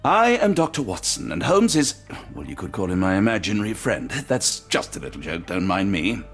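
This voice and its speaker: A man playing an earnest, weary English doctor in a video game, polite and measured with a dry, wry streak. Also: lowish voice, very animated, husky, faint music behind, heavily acted. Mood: wry exasperation.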